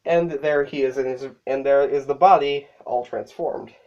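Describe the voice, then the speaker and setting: Sounding ill and a bit breathless, a toy reviewer talks casually at normal speed in a mellow, relaxed, medium-pitched voice. They use fillers and pause to correct themselves, and the recording is dull and lo-fi.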